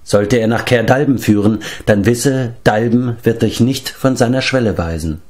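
Man doing a wise old-world prince, calm, gentle, earnest, storybook reading. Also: medium pitch, moderate pace, natural voice. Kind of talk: audiobook reading.

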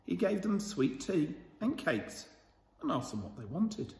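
Storyteller, gentle and chatty with children; somewhat high voice; roomy sound with a long reverb. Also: male voice, big pitch swings, a little slow, gravelly. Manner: gentle, chatty, asks the listeners questions. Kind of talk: reading a picture book aloud to children.

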